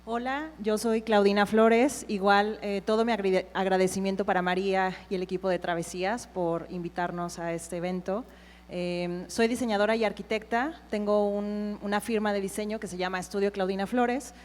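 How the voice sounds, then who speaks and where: A woman introducing herself as a designer and architect on a panel, measured. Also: medium pitch, fairly even intonation, big-room sound.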